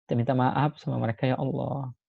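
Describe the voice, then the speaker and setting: A male Islamic preacher giving a sermon, expressive, moving between emphatic points and soft, hushed asides. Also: medium pitch, quick pace, gravelly, breathy edge, no room sound, dull audio. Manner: expressive, swings between emphatic and soft hushed delivery, frequent pious exclamations.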